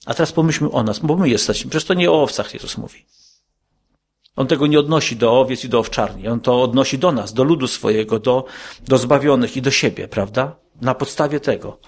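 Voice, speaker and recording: A man preaching a sermon to a congregation, asking them questions and rising to emphatic high peaks. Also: fairly quick, breathy edge.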